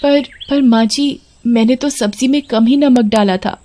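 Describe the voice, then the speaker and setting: This is a meek, gentle young daughter-in-law from a storybook tale, voiced by a woman narrator. She speaks softly, with a pleading, hesitant manner, in a raised, girlish pitch. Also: a little slow, natural voice.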